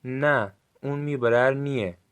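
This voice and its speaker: A man with a Gilaki accent giving a recorded language lesson, saying short phrases slowly and clearly for listeners to repeat. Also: mid-range voice, fairly bright tone. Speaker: language teacher.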